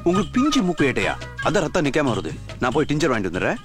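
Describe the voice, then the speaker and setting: A man playing a brisk, impatient young police constable in a film comedy, curt and scolding, with a Tamil accent. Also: mid-range voice, huge pitch swings. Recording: film soundtrack with music behind.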